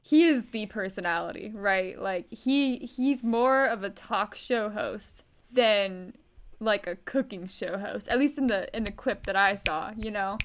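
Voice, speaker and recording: A woman's voice: mid-range voice, unhurried. A woman co-hosting a podcast in casual chat, with wry quips and easy laughter. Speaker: podcast co-host.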